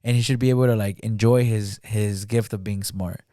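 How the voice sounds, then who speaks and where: A man talking casually as a podcast guest, retelling a film scene and often acting out the lines, with halting speech full of "like" fillers. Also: on the low side, steady tone, dark tone, dry recording, clean studio sound. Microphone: studio podcast mic.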